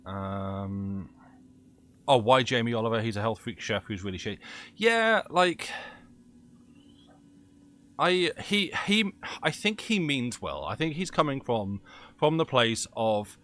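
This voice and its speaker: A man with a Cockney accent talks over a live game stream at an everyday, mid-range pitch. He rants with passion about what annoys him, tripping over his words and starting his sentences again. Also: expressive, unhurried, a bit bright. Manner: impassioned ranting, frequent restarts. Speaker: gaming streamer. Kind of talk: casual live-stream chat.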